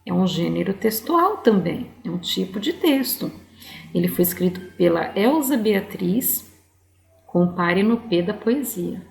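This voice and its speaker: A woman's voice: medium pitch, lively intonation, a little slow, gravelly, darkish tone, echoey room. A woman teaching young children to read online, patient and coaxing. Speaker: primary school teacher.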